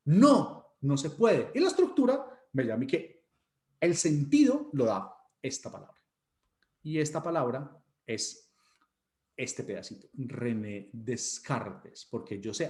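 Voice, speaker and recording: A man with a Colombian Spanish accent teaching an online class, joking and animated, sometimes putting on mocking voices. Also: fairly high pitch, echoey room. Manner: joking, animated, mocks students with put-on voices.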